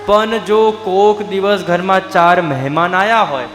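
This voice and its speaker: A man's voice: high voice, measured pace, a bit bright. A man preaching a devotional katha sermon, telling stories and asking the audience direct rhetorical questions. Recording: echoey hall with long reverb, faint music.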